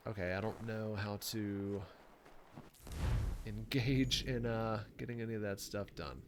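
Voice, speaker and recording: A man's voice: fairly low pitch, fairly even intonation, unhurried, noisy background. A man streaming a video game, making self-mocking jokes as he plays. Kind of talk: gameplay commentary.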